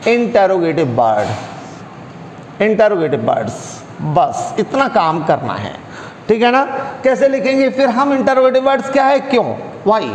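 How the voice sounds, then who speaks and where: A man teaching a classroom English grammar lesson who explains slowly, repeats words and asks the class questions. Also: very high-pitched, a little hiss or hum. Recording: echoey room with a long reverb.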